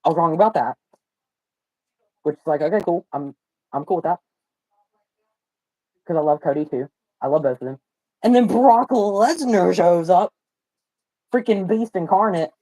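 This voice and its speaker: Speaking into a phone with a rough recording quality, the young streamer runs a live watch party in a high voice. His throat is sore, so he sounds hoarse and cracks, yet he stays excited and full of slang and exclamations, talking at normal speed with frequent pauses.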